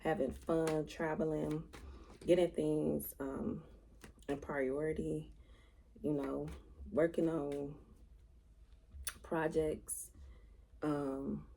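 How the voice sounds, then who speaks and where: A woman with a raspy voice, chatting casually to viewers as a tarot reader in a monotone, matter-of-fact way. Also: sits low, very slow, pauses often, slight background noise, rough recording. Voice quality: raspy, gravelly. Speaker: tarot reader hosting a channel.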